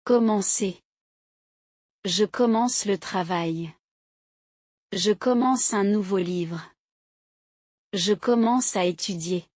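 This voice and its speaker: A woman slowly reading short example sentences aloud as a language teacher, each one clearly articulated in a steady drill. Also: mid-range voice, dry recording, studio quality. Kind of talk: slow, carefully paced reading of example sentences.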